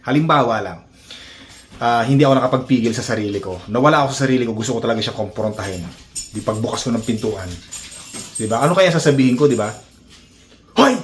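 A man talking casually to his viewers in a vlog on his phone, animated and chuckling, with lots of tag questions. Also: medium pitch, quick pace, slight background noise. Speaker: vlogger.

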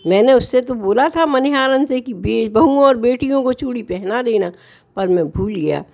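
A remorseful older merchant, as a woman storyteller puts him on, pleading through tears in a mellow, slightly raised voice. He keeps begging forgiveness in a devotional tale. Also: on the high side, animated, normal speed, gravelly, pitched above the performer's own voice. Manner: tearful pleading apology.

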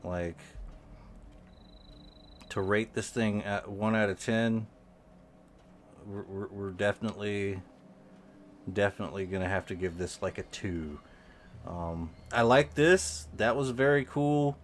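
A man talks over his gameplay in a low, unhurried voice, stumbling over words and circling back with ums and repeats. His commentary is casual and rambling. A faint hum of background noise sits under the recording. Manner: halting, repeats words, frequent ums, slow and mumbling. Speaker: gaming channel host.

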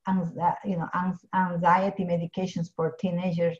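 A woman's voice: lowish voice, little pitch movement, normal speed. Earnest woman on dull call. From Ecuador. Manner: earnest, many restarts and fillers. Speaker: pharmacist guest. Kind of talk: video call interview. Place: home office with bookshelves. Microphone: video call. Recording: dull lo-fi video call audio.

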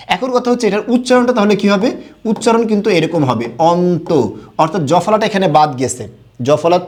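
A man's voice: high voice, darkish tone. A young man teaching a Bengali grammar lesson, asking questions and answering them himself. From Bangladesh. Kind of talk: recorded classroom lesson.

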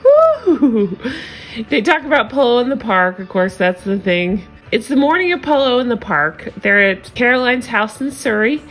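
A woman's voice: on the high side, lively intonation, moderate pace, few pauses, fairly bright tone, poor audio. A woman with a standard American accent giving a casual, gossipy, opinionated recap of a reality show. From United States. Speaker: TV recap host.

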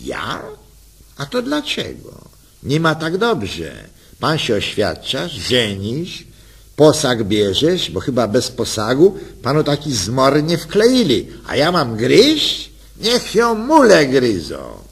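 A man's voice: medium pitch, wildly swooping pitch, takes it slowly, creaky, breathy edge, exaggerated voice. A man doing a sour grumbler. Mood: grumpy. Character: sweaty, irritable heavyset male passenger.

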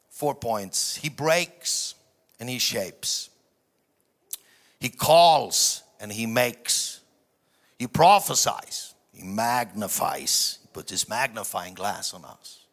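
On a large church auditorium stage before a seated audience, a middle-aged native German speaker preaches an emphatic sermon into a handheld microphone. His medium-pitched voice swings dramatically in volume, from hushed asides to shouted phrases.

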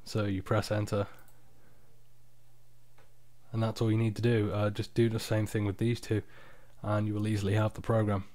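A tired man giving a casual, unscripted screen-recording tutorial, explaining software steps in an informal, off-the-cuff way. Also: on the low side, completely flat delivery, normal speed, long pauses, dry recording. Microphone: external microphone, close and dry.

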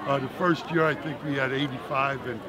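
A man's voice: mid-range voice, fairly even intonation, fairly quick. An older man giving casual interview replies outdoors. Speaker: event mascot being interviewed. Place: outdoors on a residential street. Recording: loud outdoor crowd behind.

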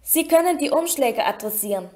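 A woman's voice: sits high, expressive, moderate pace, mellow. A woman voicing a vain, pompous, chattering male teacher in a storybook reading. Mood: smug. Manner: pompous, self-satisfied.

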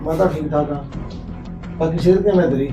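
Man doing an old punjabi dad, anxious and pleading, kinda high voice, roomy echo. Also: a little fast, lightly acted. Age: older. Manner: pleading, fatherly. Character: worried old village father, gentle and pleading. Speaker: father-in-law, father of the bride. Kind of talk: short film drama acting. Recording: roomy sound with soft music behind.

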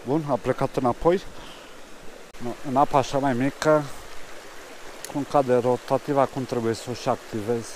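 A man's voice: medium pitch, fairly even intonation, darkish tone. A man, fishing on a mountain stream and giving casual commentary. He mostly mutters to himself, then speaks up to the camera. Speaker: fishing vlogger. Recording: rushing stream noise behind.

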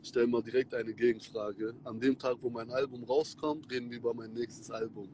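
A rapper hosts a phone livestream from a taxi's back seat at night, chatting with fans in laid-back slang that drifts between loud and mumbled. His medium-pitched voice is fairly quick with fairly even intonation. The phone is held close on the front camera, picking up car noise.

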